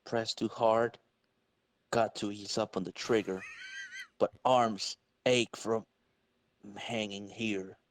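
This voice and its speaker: A man's voice: lowish voice, steady tone, slow pace, pauses often. A man voicing a wry, determined college-age superhero in an amateur comic-book reading. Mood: strained, puzzled. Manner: wry, quippy.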